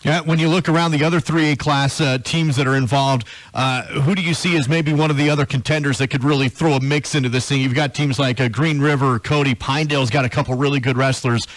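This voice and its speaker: A man's voice: mid-range voice, fairly even intonation, fast, few pauses, no room sound, poor audio. An American man hosting a sports radio interview, setting up questions for his guest.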